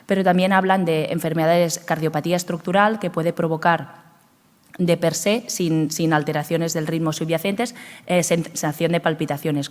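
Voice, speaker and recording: A woman with a Spanish accent and a cold, giving a hesitant medical conference talk with many fillers. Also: low-pitched. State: has a cold. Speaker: cardiologist speaker. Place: conference hall. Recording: long hall reverb.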